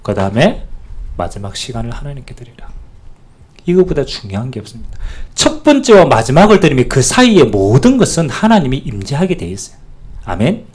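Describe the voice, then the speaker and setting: A man pastor preaching a sermon, animated and calling out to the congregation for amen. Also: medium pitch, a little fast, husky.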